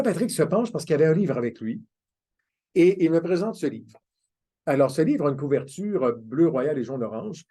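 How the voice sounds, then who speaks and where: An older man with a mellow, slightly high voice gives a conference talk. He's a self-mocking storyteller, shaping his lecture around anecdotes.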